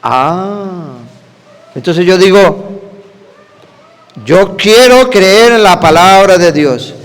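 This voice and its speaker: Male preacher, high voice with big pitch swings, questioning the crowd, reverberant hall. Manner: animated, quizzes listeners with quick questions.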